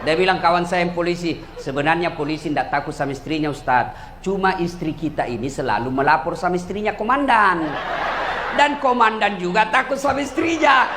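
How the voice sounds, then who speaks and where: A man's voice: sits high, fairly quick, noisy background. A man with a Bugis-Makassar Indonesian accent preaching a humorous sermon, joking with and teasing the audience. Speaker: Islamic preacher.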